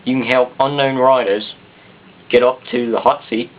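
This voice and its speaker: A video blogger with a Southern US accent rambles casually to the camera in an off-the-cuff, self-deprecating vlog. His mid-range voice keeps a fairly even intonation at a moderate pace, and the consumer camera audio sounds dull and muffled.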